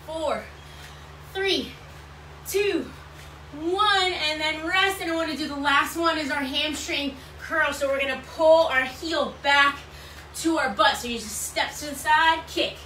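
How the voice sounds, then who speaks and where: A woman aerobics instructor with a very high voice leads a home workout in short, encouraging, repeated cues and counts. Her delivery is unhurried, and she sounds distant from the microphone in an indoor room. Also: sharp tone. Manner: encouraging, repetitive cueing while exercising. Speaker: fitness instructor leading a workout. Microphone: camera or phone several feet away. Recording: roomy, distant mic, clear background noise.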